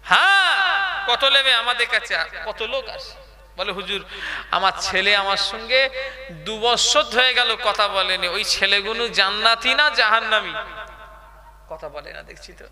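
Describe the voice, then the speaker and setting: A man's voice: high voice, unhurried, sharp tone, in a large hall. A man preaching a waz sermon, chatty and quizzing the crowd with questions.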